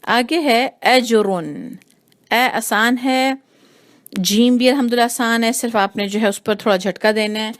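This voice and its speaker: Woman, recitation teacher, patient lesson, repeats sounds to demonstrate. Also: fairly high pitch. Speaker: tajweed teacher.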